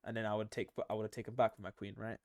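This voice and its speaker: A man's voice: fairly low pitch, little pitch movement, rapid-fire, darkish tone, a little hiss or hum. A tired young man commenting on his own chess game, thinking aloud with many ums and self-corrections. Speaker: chess streamer.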